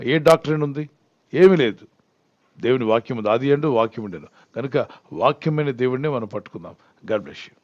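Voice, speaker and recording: Earnest pastor teaching through questions. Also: male voice, a little high, no echo, highs cut off. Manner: earnest, asks the listener questions and answers them himself. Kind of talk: Bible Q&A teaching.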